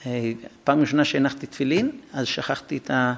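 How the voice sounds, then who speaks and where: A man's voice: medium pitch, vocal fry. A man giving an informal parenting talk to a group, telling stories and acting out dialogues between parent and child. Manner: animated storytelling, acting out dialogues. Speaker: parenting lecturer.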